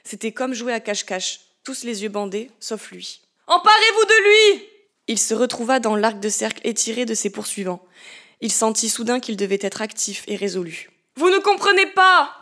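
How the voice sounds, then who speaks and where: A woman narrates a story in a measured, steady audiobook voice. Her pitch sits in the middle range.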